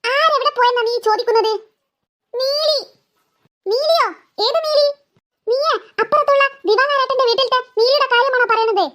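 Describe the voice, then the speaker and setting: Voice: extremely high pitch, moderate pace, pauses often, sharp tone. A voice actor playing a short-tempered mother in a cartoon who scolds her daughter impatiently. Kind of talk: cartoon voice acting.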